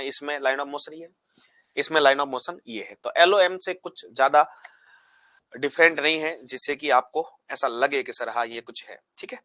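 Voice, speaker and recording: A man with a slightly high, bright voice teaches physics in a dry, close-sounding recording. He fires questions at the class and answers them himself, repeating each key term. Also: no room sound. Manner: call-and-response questions, repeats key terms; animated, acts out particles pushing apart. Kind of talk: classroom lesson at a board.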